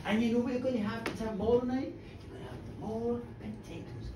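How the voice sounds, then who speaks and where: A man's voice: extremely high pitch, fairly even intonation, fairly quick, background noise. A man voicing the sneering, sarcastic ghost of a poor old woman in a live folk tale, recorded from a distance in an echoey pub room. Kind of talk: live storytelling.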